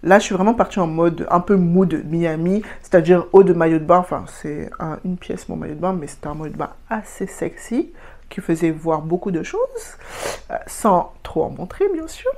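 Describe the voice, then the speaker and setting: A woman's voice: on the low side, moderate pace. A young woman from France with a French accent, telling travel stories in a chatty, casual storytime vlog and dropping in English words. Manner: chatty, animated, slangy with English words mixed in. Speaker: travel vlogger.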